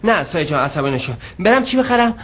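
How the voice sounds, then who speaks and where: A man's voice: sits high, very animated, a bit bright, exaggerated voice. An actor playing a squabbling, cash-strapped husband in a TV drama, defensive and wheedling in his bickering. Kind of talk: TV series acting.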